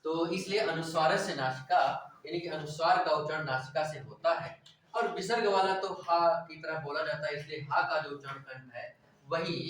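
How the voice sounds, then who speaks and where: A man's voice: on the high side, fairly bright tone, a little hiss or hum. A male teacher giving a classroom lecture. He asks questions and answers them himself, and keeps checking that the class is following. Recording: echoey room, voice from far off.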